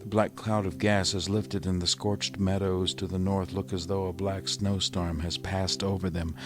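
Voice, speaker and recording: A male actor with a low-pitched voice plays an exhausted, scholarly survivor of a Martian invasion, delivering his lines in a halting, grave radio drama style.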